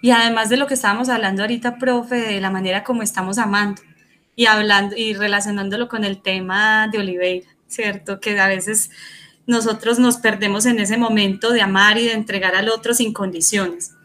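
A woman's voice: mid-range voice, fairly even intonation, brisk, sharp tone, slight background noise. A woman interviewing a teacher, talking in a reflective, conversational way and asking follow-up questions.

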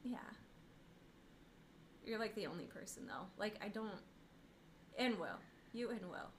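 A young woman co-hosting a podcast in easy, casual conversation. Her pitch is average, and her delivery is wry and deadpan. A faint hiss sits behind the recording. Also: unhurried. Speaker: podcast co-host. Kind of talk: casual chat.

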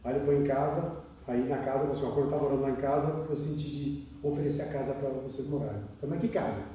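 A man with a Brazilian Portuguese accent telling his life story as a podcast guest, animated and repeating phrases for emphasis. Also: medium pitch, slight background noise. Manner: rapid, animated, repeats phrases and acts out dialogue. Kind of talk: emotional personal storytelling in conversation. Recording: echoey room, distant mic.

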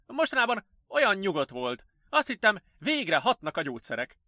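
A man's voice: high voice, big pitch swings, bright, forceful tone, no room sound, voice pushed up, full character voice. A man voicing a bewildered, anxious hospital nurse in an audiobook. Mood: puzzled. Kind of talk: audiobook character voice.

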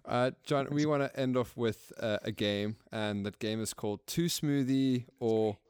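A man's voice: medium pitch, measured pace, a little mellow, clear, resonant tone, dry recording. Man, South African accent, podcast co-host, jokey and playful, dry sound. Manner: jokey, laughing between lines. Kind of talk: casual podcast interview.

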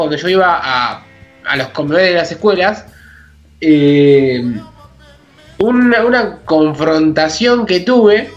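Argentine dude with a high voice, stumbles a bit telling his story. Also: a bit bright, lo-fi sound. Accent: Argentine Spanish. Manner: halting, restarts words while telling a story. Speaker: podcast co-host. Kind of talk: casual chat.

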